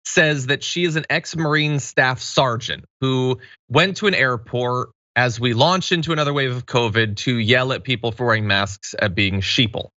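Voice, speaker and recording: An American man in his thirties gives measured, conversational commentary as a host. His voice is bright and of middle pitch, in a dry, slightly dull recording. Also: no echo. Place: small indoor studio.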